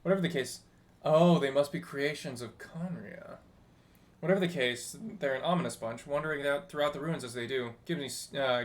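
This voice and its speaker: Reading game dialogue aloud, a man plays a talkative, teasing technical officer aboard a ship, animated yet a bit halting. His voice is mid-range and only lightly acted.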